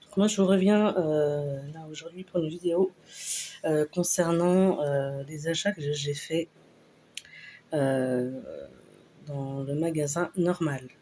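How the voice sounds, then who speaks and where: A woman casually talking through a shopping haul, unhurried and hesitant with lots of fillers. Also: deep voice, warm tone, slight background noise. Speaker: vlogger showing a store haul. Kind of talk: casual haul video chat.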